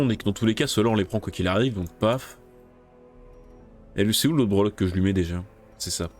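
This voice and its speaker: A man talks over his game in a fairly low voice, swinging between loud, cursing outbursts at the game and quiet muttering as he thinks through his next move. Faint game music plays behind him. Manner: swears loudly in frustration, then mutters. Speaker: gaming video creator. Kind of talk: let's play commentary.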